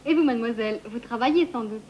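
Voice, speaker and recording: A woman's voice: on the high side, fast talker, lo-fi sound, natural voice. A woman playing a shy, proper social worker. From metropolitan France. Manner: polite, hesitant, formal.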